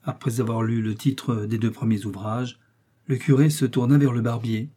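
A man narrating a classic novel as an audiobook, with steady, unhurried reading. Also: mid-range voice, slightly rough. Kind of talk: scripted narration.

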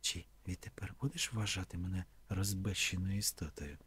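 A man's voice: low-pitched, moderate pace, fairly bright tone, slight background noise. A man voicing a flirtatious, teasing woman, sometimes dropping to a whisper. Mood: coy.

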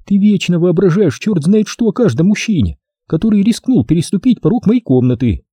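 A tense young woman, high and shrill, protesting indignantly in an audiobook, as a male reader puts her on. The voice is husky and dark, and the recording is dry and close. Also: very animated, fast talker, no echo, heavily acted. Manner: shrill, raised voice.

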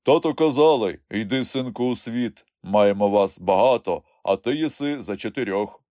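A man's voice: medium pitch, normal speed, dark tone, no echo, natural voice. Man doing a naive young giant from the mountains for a storybook, earnest, dry close sound. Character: huge young male highlander, naive and good-natured.

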